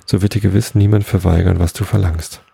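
Earnest brave farm dog, low gravelly voice, read by a man. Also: fairly even intonation, fairly quick, mellow, no room sound, heavily acted.

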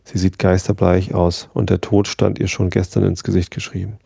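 Fearful frontier settler, urgent warnings, read by a man, dark dry voice. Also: low voice, level tone, normal speed, gravelly, slightly rough, no echo, exaggerated voice. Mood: anxious.

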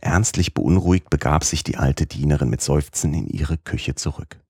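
A man reading a classic novel aloud as first-person audiobook narrator, in a measured, literary storytelling manner. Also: extremely low pitch, mellow, breathy edge, no echo, studio quality.

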